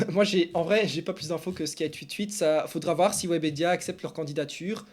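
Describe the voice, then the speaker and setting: Man, slightly high voice, animated live-stream chatter, lots of fillers. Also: a little fast. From Belgium. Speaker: esports news streamer. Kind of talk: casual live-stream chat answering viewers.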